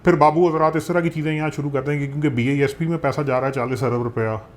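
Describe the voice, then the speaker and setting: Pakistani urdu-accent guy breaking down economics, casual and animated, mixing in english. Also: a little high, quick pace. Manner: animated, mixes English phrases, frequent fillers. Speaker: economics commentator. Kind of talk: conversational explainer.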